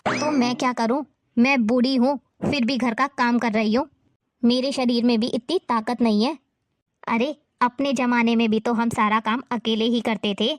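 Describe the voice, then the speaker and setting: A woman's voice: a little high, fairly even intonation, normal speed, no room sound, close to an everyday voice. A woman playing a scornful nagging mother-in-law. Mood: scolding. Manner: scolding, taunting. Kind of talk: family drama acting.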